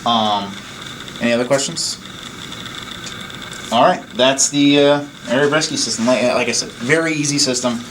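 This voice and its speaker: A technician walks staff through a hands-on demo at an equipment station, keeping his explanations plain, informal, and step by step. He speaks at medium pitch and a moderate pace, pausing often, with a slightly bright tone, while clear background noise fills the noisy indoor room.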